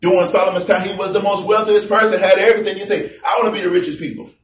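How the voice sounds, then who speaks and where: A man's voice: high-pitched, fairly even intonation, a little hiss or hum. Conversational male preacher, echoey and distant. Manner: conversational, reads scripture slowly and emphatically. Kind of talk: sermon. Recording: echoey room from far off.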